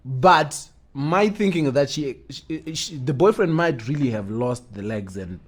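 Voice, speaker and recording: A man's voice: mid-range voice, a little slow. A young Zimbabwean man co-hosting a podcast, chatting casually and animatedly, switching between languages. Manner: animated, code-switching banter. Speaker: podcast co-host. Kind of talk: casual chat.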